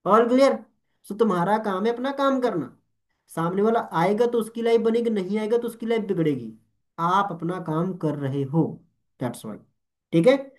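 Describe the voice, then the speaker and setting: A man's voice: high-pitched, measured pace. A young man training network marketers, speaking Hindi mixed with English and often checking if everyone is following. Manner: animated, keeps asking "ठीक है?" and "All clear?"; mixes Hindi with English words. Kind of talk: motivational training talk.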